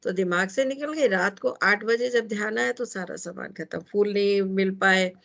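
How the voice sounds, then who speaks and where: A woman's voice: mid-range voice, moderate pace, creaky, fairly bright tone. A woman teaching an online astrology class, chatting casually and rambling with easy laughs over a video call.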